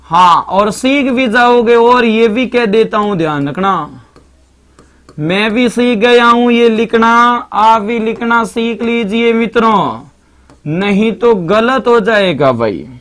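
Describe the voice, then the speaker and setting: A man's voice: high voice, takes it slowly, a bit bright. A male teacher with a Marwari accent giving a live online grammar lesson, chatty and repetitive, constantly reminding students to pay attention.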